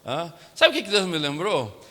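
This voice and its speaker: Brazilian pastor preaching in a reverberant hall. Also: male voice, on the high side, moderate pace. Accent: Brazilian Portuguese. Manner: animated storytelling, acting out dialogue and addressing the congregation. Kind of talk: storytelling sermon. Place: church sanctuary. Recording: long hall reverb from a church sanctuary.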